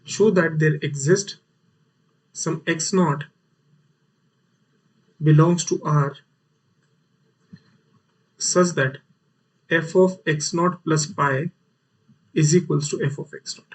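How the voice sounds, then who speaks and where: A man's voice: fairly high pitch, slow, pauses often, breathy edge. A man with a North Indian accent teaching a mathematics lesson online, explaining step by step and repeating phrases for emphasis. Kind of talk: live online lesson, explaining worked problems. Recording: voice sounds distant from mic.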